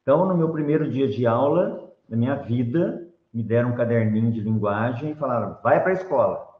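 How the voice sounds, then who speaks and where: A man's voice: medium pitch, brisk. Middle-aged guy, science teacher, easygoing storyteller, roomy muffled call audio. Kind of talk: casual interview answer.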